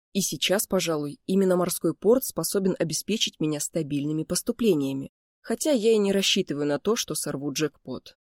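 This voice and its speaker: Woman reading a fantasy story aloud, calm and steady, dry close sound. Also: fairly low pitch, dry recording. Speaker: audiobook reader. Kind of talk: first-person story narration.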